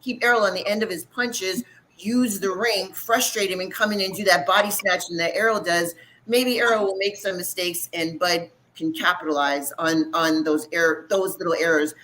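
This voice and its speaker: A woman's voice: on the low side, fairly even intonation, moderate pace, fairly bright tone, a little hiss or hum, low-quality recording. A woman giving conversational fight analysis as a panelist, informal and often checking in with the listener. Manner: informal, checks in with "right" and "you know". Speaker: former boxer, panelist.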